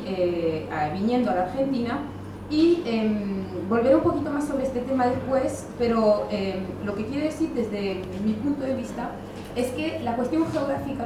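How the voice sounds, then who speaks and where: A Frenchwoman with a fairly high voice lectures in Spanish at a university, her accent blending French and Spanish with a hint of Buenos Aires. She hesitates often, using many fillers and slipping in wry asides. The recording picks her up from afar in a large, echoey lecture hall, with room noise audible.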